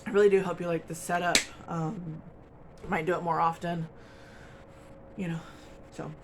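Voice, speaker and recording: A woman's voice: on the low side, little pitch movement, moderate pace, noisy background. A woman chatting casually to camera as host of a crochet channel, rambling along with lots of ums and little laughs, from home. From United States.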